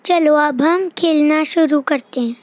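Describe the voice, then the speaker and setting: A tiny, piping little girl chatters away in a slow, sing-song manner, fussing over her toys and scolding her brother. Her voice sits extremely high and unhurried, and the recording is close and dry, with no room around it. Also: no room sound. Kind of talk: toy doll play voice-over.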